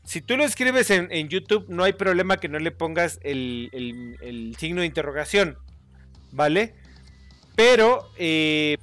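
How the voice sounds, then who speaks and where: A man's voice: a little high, fairly bright tone, dry recording. A man hosting a casual screen-recording tutorial, rambling as he reads out view counts and corrects viewers' spelling. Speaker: YouTube gamer and channel host.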